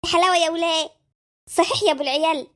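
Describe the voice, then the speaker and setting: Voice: extremely high pitch, steady tone, rapid-fire, fairly bright tone. A performer voicing a spoiled, demanding Egyptian housewife who talks in a whiny, coaxing way.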